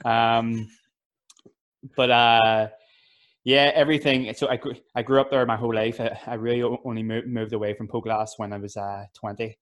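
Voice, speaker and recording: In a casual interview, a young adult youth worker and rapper from West Belfast talks about his life with a relaxed, easy laugh and plenty of fillers. His Northern Irish accent comes through at a medium pitch and normal speed.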